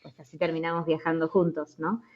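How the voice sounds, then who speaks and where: A woman's voice: low voice, little pitch movement, a little fast. An Argentine woman, a travel blogger and interview guest, telling stories casually with frequent "eh" and "¿no?" fillers. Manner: chatty, frequent "eh" and tag "¿no?". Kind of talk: casual conversational storytelling. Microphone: video call. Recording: slightly dull lo-fi call audio.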